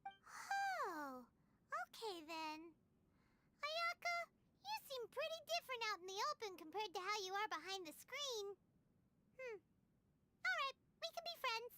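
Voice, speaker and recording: A woman voicing a tiny, excitable female game companion who chatters and refers to herself in the third person, in a squeaky childlike voice. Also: a little slow, long pauses, noisy background, full character voice. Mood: indignant. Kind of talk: video game voice acting.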